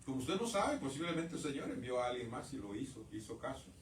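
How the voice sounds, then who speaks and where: Impassioned preacher, echoey church. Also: male voice, medium pitch, big pitch swings, quick pace, distant mic, slight background noise. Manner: impassioned, swings from loud outbursts to quiet asides; addresses the congregation as brothers. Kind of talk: sermon. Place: church sanctuary. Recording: roomy church sound from off-mic.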